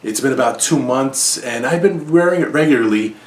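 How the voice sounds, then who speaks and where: A man's voice: medium pitch, expressive, a little fast, reverberant, far from the mic. A man hosting a casual review vlog, talking in a conversational, opinionated way and repeating points for emphasis. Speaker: fragrance reviewer. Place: home in New Jersey.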